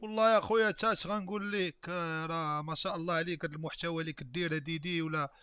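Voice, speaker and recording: A man's voice: fairly high pitch, fairly even intonation, rapid-fire, bright, forceful tone. A man with a Moroccan accent hosting a live stream, bantering and teasing a caller in casual chat.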